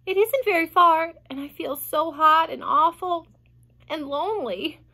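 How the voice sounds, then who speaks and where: A small, lonely boy from a storybook begs in a thin, raised voice, as a woman acts him out. Tearful and pleading, pitched far above her own voice, and bright. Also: measured pace, heavily acted. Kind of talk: storybook reading.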